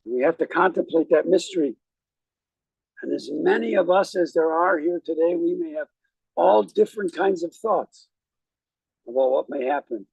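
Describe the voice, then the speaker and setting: A man speaking as a rabbi at a graveside, giving a eulogy in a measured, reflective way with deliberate pauses. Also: fairly high pitch, creaky, darkish tone, breathy edge, no echo, low-quality recording. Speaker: rabbi officiating at a funeral.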